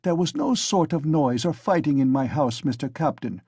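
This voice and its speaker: A man's voice: on the high side, expressive, dark tone, husky, no echo, studio quality. A man putting on a pattering German landlady. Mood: fawning protest. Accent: German accent put on. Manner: rapid pattering, obsequious, repeating. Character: flustered middle-aged German landlady, fawning.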